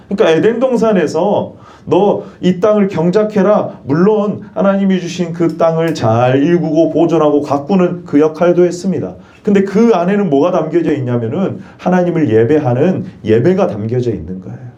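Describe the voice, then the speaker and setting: Lively high-voiced male pastor preaching. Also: moderate pace, highs cut off. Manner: asks questions and has the congregation repeat. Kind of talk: sermon. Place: church.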